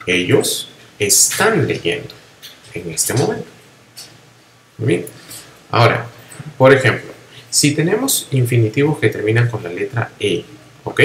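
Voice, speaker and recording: A man giving a recorded English grammar lesson, spelling words letter by letter and often checking in with a quick "ok?". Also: huge pitch swings, creaky. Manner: explains slowly, spells out letters and checks with a frequent "ok?"; says English examples slowly and higher, then translates. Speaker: English teacher. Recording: roomy echo with faint background hiss.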